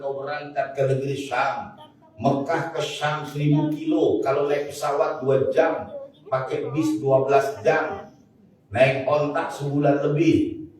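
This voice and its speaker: A man's voice: a little high, darkish tone. A man with a Betawi accent preaches a joking sermon, often turning to address the audience directly. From Jakarta, Indonesia. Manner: jokes and often turns to the audience to address them. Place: large mosque hall. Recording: very echoey hall, voice from far off, faint noise.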